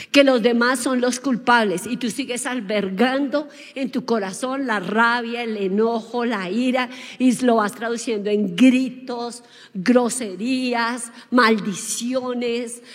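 Woman, lively sermon, questions to the congregation, slightly high pitch. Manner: lively, asks the audience questions. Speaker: preacher. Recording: long hall reverb.

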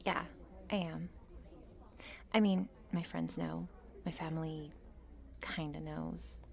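This is a shy, meek cheerleader with a crush, acted by a woman in an intimate ASMR role-play. She speaks slowly and haltingly, slipping between creaky murmurs and breathy speaks softly. Her manner is nervous, self-deprecating and apologetic. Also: deep voice, steady tone, heavily acted. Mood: hesitant, relieved.

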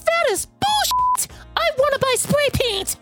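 A woman's voice: very high-pitched, very animated, a little slow, sharp tone, soft background music, voice pushed up, heavily acted. A woman voicing an indignant, entitled middle-aged mother who screeches at a store clerk. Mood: furious.

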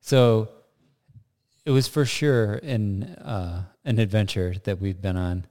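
Casting: American male podcast co-host, mellow and fairly low, loose unscripted chat. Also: steady tone, takes it slowly. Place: indoors in an unfurnished house.

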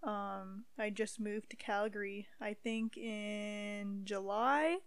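A woman's voice: mid-range voice, steady tone, takes it slowly, vocal fry, clean tone, no room sound. A young woman from Ontario, Canada, hosting a casual podcast chat in an upbeat, giggly way with lots of fillers. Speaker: podcast host.

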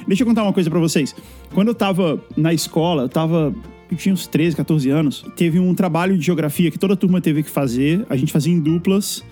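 A Brazilian man in his thirties, a guest musician telling stories in a lively, filler-heavy casual chat. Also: on the high side, fast, soft background music. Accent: Brazilian Portuguese. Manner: animated storyteller, many fillers.

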